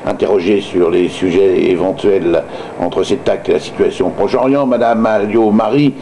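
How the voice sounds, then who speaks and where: Low-voiced mellow Frenchman, sardonic and halting. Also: slight background noise, poor audio. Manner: hesitant, stumbling reading; sardonic, mocking asides. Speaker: amateur radio host. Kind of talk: reading news with sardonic personal asides.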